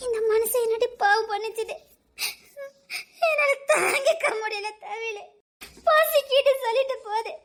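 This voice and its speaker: A woman's voice: extremely high pitch, moderate pace. A woman playing a devoted working wife who earnestly protests and tearfully pleads in a web drama. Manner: earnest, pleading protests, sobbing through laughter.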